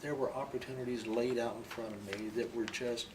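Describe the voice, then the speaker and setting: An older military veteran reminisces in an interview, opinionated and emphatic as he recalls his past. His mid-range voice is brisk with fairly even intonation. The microphone sits at a distance in a clearly noisy room.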